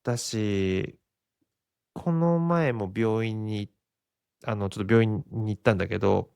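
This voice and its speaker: Gravelly-voiced Japanese man rambling casually. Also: fairly low pitch, measured pace, a little mellow, no room sound, studio quality. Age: 40s. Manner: rambling, chuckling often, self-deprecating. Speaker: podcast host. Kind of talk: casual solo podcast monologue.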